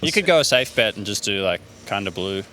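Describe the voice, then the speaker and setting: A man's voice: on the low side, lively intonation, fairly quick, sharp tone, a little hiss or hum. A man in a band, chatting loosely in an interview with many restarts. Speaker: band drummer, guest. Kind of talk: casual interview chat.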